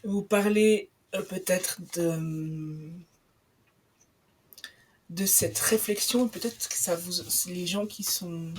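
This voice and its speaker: On a live radio book show, a young woman presents a book in a fairly low, slow, slightly rough voice, filling her talk with fillers and restarts. Italian isn't her first language, and the audio quality is poor.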